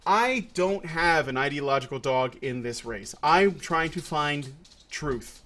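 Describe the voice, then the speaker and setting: Here a Puerto Rican podcast host chats casually in a fairly high, expressive voice with a sharp tone, speaking a little slowly. He rambles loosely, restarting lines and using many fillers.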